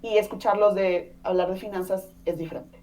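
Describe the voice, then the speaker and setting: A Mexican woman in her thirties, Spanish being her first language, talks chattily as a podcast guest in a relaxed interview, using many fillers and tag questions. The medium-pitched, mellow voice keeps a fairly even intonation and moderate pace, heard through a distant mic.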